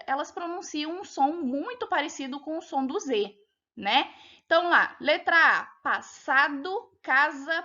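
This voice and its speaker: In this dull, lo-fi recording, a woman teaching primary school reviews a test with young children, going through it one answer at a time. Her high voice has a sharp tone and a Brazilian Portuguese accent. She stays patient, breaks things down step by step, and checks their understanding with questions.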